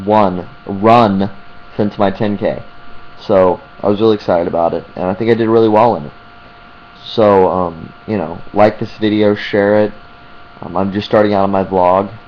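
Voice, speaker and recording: A man giving a casual, halting vlog talk to camera, often searching for details mid-thought. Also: low-pitched. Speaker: vlogger. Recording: muffled sound with clear electrical hum.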